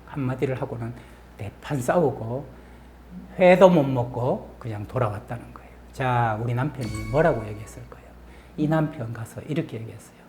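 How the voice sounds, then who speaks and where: A middle-aged man from the region, a professor and counselor, telling stories in a lively lecture style with rhetorical questions and acted-out quotes. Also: mid-range voice, normal speed. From Gyeongsang region, Korea. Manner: animated, acts out quoted lines, asks rhetorical questions. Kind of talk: storytelling lecture to camera.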